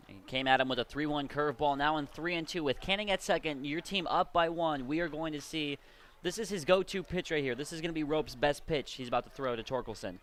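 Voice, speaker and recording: A man with a slightly high, fairly bright voice gives brisk color commentary on a live radio baseball broadcast. Speaking from the game, he sounds conversational and explanatory, with clear ambient noise behind him.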